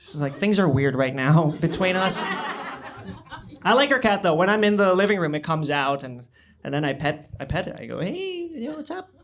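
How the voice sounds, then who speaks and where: Into a handheld stage mic at a small club, a young comedian born in China and raised in the US does a stand-up set with dry, understated delivery and halting restarts. His voice is fairly high, sing-song, and fairly bright, with a little hiss or hum in the audio.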